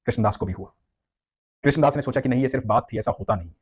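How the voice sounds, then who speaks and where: A man's voice: medium pitch, very fast, husky. A man narrating a devotional story in an earnest, vivid storytelling way.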